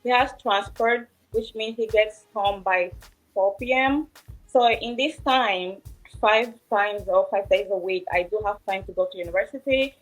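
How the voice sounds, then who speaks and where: A woman in her twenties, from Portugal and raised in Angola, answering interview questions in a hesitant way with many pauses. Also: medium pitch, faint music behind, poor audio. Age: 20s. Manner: hesitant, many ums and uhs. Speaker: interview guest. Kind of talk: casual interview.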